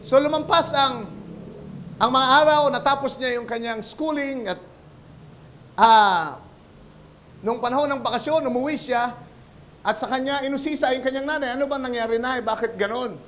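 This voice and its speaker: A man preaching a sermon at a church service, telling a story and shouting hallelujahs and amens. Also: very high-pitched, moderate pace, long pauses, a little hiss or hum. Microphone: live-streamed service mic.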